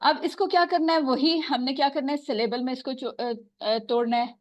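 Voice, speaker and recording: A woman teaching Quran recitation, patiently explaining and slowly repeating sounds to demonstrate them. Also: high voice, fairly even intonation, dry recording. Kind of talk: tajweed lesson.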